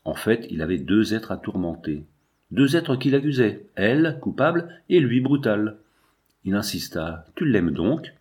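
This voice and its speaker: A man reading a novel aloud as narrator, in a measured, even way. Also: fairly low pitch. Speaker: audiobook narrator. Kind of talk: scripted literary narration.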